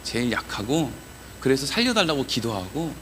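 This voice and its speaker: A man's voice: mid-range voice, very animated, normal speed, a bit bright, slight background noise. A man preaching a Wednesday evening sermon in a church, chatty and joking, quizzing the listeners. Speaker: pastor.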